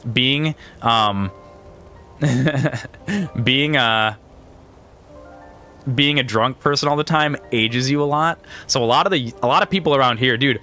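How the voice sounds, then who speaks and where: A gaming video creator and streamer in his thirties rambles casually through gameplay commentary, full of slang and exclamations, often saying "dude." His medium-pitched voice sounds pushed and bright.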